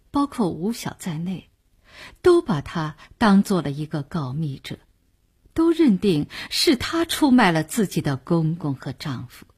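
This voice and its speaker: A woman narrating a novel as a radio serial reader, with a measured storytelling delivery. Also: mid-range voice, a little mellow, husky.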